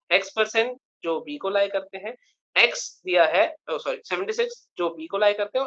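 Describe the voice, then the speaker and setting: A man's voice: high voice, bright, forceful tone, muffled recording. A male math teacher giving a live online lecture, explaining a problem step by step and often checking that students follow.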